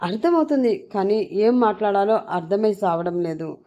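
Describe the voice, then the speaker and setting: A woman's voice: moderate pace, warm tone, lightly acted. A woman voicing a flustered young woman who grumbles in her head and scrambles for excuses, in an audiobook story. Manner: exasperated inner monologue, higher voice. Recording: dull lo-fi recording.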